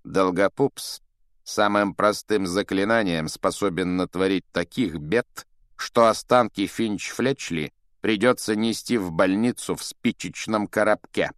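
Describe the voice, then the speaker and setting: A man voicing a cold, sinister male wizard teacher with a slow, sneering, icy delivery. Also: lowish voice, smooth, dry recording, clean studio sound, natural voice.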